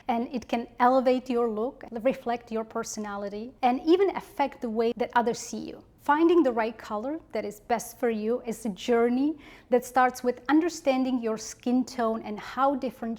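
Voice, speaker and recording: Prim, precisely spoken woman with higher pitch. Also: darkish tone. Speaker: etiquette coach presenting style advice. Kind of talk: polished instructional presentation.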